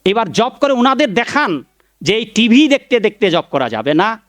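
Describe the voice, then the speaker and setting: A man's voice: high-pitched, big pitch swings, normal speed, fairly bright tone, no echo. A man giving a devotional sermon, preaching emphatically, chanting mantras and fondly addressing his listeners while scolding critics. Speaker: Vaishnava preacher giving a Bhagavat discourse.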